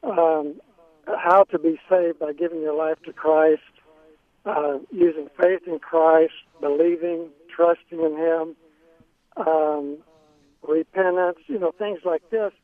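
Man, radio caller, halting, high voice, phone-line sound. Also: fairly even intonation, no echo. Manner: hesitant, halting, with many ums and restarts. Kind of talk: phone-in question.

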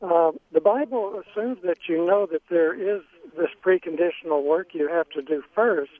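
Male radio show caller, phone line audio, high voice, hesitant, lots of ums. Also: moderate pace. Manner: hesitant, full of ums and restarts. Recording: tinny dry phone line.

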